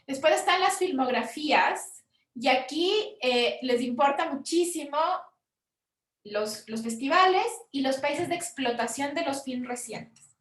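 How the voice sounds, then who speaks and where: A Chilean woman, a film producer, explaining funding forms in a frank, conversational workshop talk with quick asides. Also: high voice, expressive, echoey room, far from the mic. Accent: Chilean Spanish.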